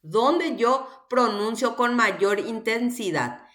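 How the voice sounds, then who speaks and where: A woman with a Paraguayan accent teaching a recorded class, slowly and patiently drilling words aloud syllable by syllable. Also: a little high, lively intonation, fairly bright tone, reverberant. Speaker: language teacher.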